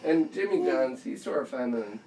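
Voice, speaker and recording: A man's voice: medium pitch, animated, brisk, warm tone. A father improvising a playful, rambling bedtime story at home, often laughing as he goes. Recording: roomy echo, mic far off, faint hiss.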